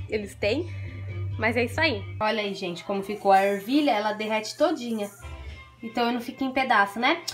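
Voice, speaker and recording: A woman with a Brazilian accent talks through her day at home in a chatty, easygoing way, often turning to her viewers directly. Her voice sits a little high. She sounds like she is filming on a handheld phone, with faint music behind her. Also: a bit bright. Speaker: vlogger and mother. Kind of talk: casual home vlog. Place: at home, cooking and doing chores.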